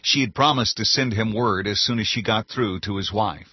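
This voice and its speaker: A male narrator reading an audiobook at a measured, even pace. His voice is low and husky. The recording sounds dry and a little dull. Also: dry recording. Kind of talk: scripted narration.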